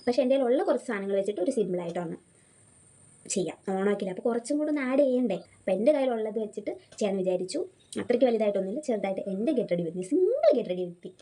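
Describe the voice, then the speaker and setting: Hoarse, fast-talking young woman. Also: mid-range voice, warm tone. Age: young adult. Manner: chatty, talks to herself while doing makeup. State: hoarse from a fever. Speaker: beauty vlogger. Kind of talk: casual get-ready-with-me chat. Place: home by rice fields, crickets outside.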